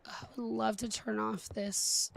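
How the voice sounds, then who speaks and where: A woman's voice: on the high side, level tone, measured pace, gravelly, slight background noise. A woman giving casual, playful let's-play commentary, reacting aloud and reading out game dialogue. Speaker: game streamer.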